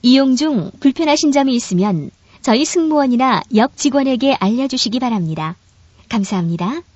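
Woman, train announcement over onboard speaker, formal and polite, fairly high, melodic delivery, dull dry recording. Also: lively intonation, darkish tone, dry recording. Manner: formal, polite, evenly measured. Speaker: subway announcer.

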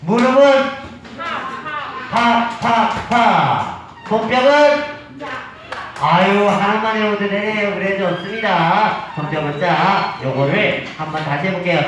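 A man's voice: sits high, slow pace, fairly bright tone, slight background noise. A man who leads a clapping and counting game for a class of elderly people. He chants rhythmic sound words and coaxes the group to join in. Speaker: senior recreation instructor. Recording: echoey room, mic at a distance.

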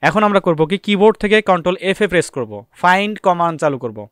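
A man's voice: high-pitched, lively intonation, racing, smooth, no echo, studio quality. A man teaching a screen-recorded data entry tutorial, explaining step by step and answering his own questions.

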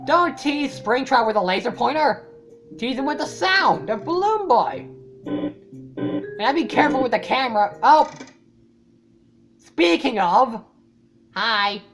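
A woman YouTuber giving casual reaction commentary, rambling and swearing often, with loud startled outbursts. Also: on the high side, gravelly. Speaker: YouTuber reacting to a fan animation.

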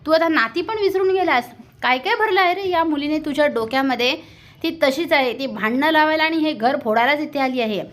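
A woman's voice: sits high, a little fast, a bit bright. A woman voicing an angry man who scolds his younger brother, in a reproachful, scornful way.

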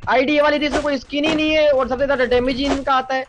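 Man with a very high voice, gaming streamer, casual joking banter, noisy game sounds behind. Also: flat delivery, quick pace. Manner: chatty, joking banter with teammates. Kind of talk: casual live-stream chat while gaming.

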